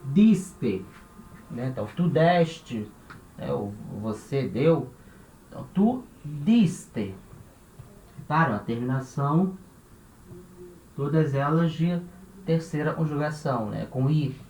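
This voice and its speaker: A man's voice: fairly high pitch, expressive, slow pace, long pauses, a little mellow. Brazilian man teaching, echoey room. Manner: patient, repeats points, tags phrases with "né?" and "tá?". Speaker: Spanish teacher. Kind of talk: explanatory language lesson. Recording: echoey room with faint ambient noise.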